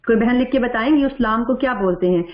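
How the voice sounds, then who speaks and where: A woman's voice: on the high side, lo-fi sound. Patient woman teaching an echoey online class. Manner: patient, asks questions and reads out students' answers. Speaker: Quran recitation teacher. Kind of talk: online class reviewing the last lesson.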